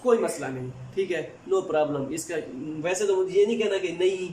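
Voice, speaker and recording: A man with a Pakistani Urdu accent teaches a recorded language lesson, patiently saying each word slowly and repeating it. His voice is high-pitched, animated and a little mellow, captured in an echoey room with faint noise.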